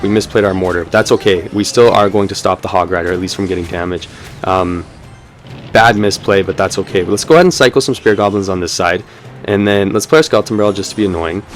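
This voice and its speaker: A young man giving casual running commentary over his own mobile card game match, chatty and upbeat, with frequent ums and "let's go ahead". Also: deep voice. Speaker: gaming YouTuber. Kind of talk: live gameplay commentary.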